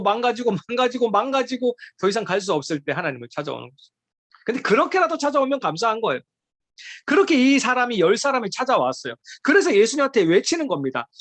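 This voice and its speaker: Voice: medium pitch, big pitch swings, fast, a bit bright, dry recording. A preacher giving a sermon to a youth group, emphatic and pleading, with many rhetorical questions.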